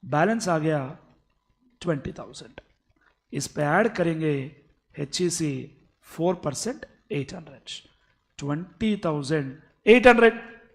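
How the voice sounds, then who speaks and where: A man teaching a tax lecture, animated and fond of addressing his students as "beta". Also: fairly high pitch, takes it slowly, pauses often. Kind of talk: classroom lecture.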